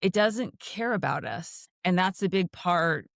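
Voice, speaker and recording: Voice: medium pitch, lively intonation, a little slow, gravelly, fairly bright tone, no room sound, clean studio sound. A podcast co-host asking earnest questions in a casual conversation and humming agreement often. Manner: earnest, frequent affirming hums.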